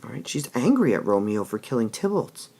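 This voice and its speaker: A man's voice: mid-range voice, very animated, brisk, vocal fry, warm tone. A man teaching a literature lesson, explaining patiently and often checking in with "all right?" between passages he reads aloud.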